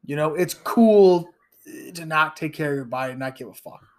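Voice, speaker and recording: A man's voice: fairly high pitch, normal speed, darkish tone. A man in his thirties hosting a solo podcast, ranting bluntly and profanely with frequent restarts and stumbles. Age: 30s. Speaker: podcast host.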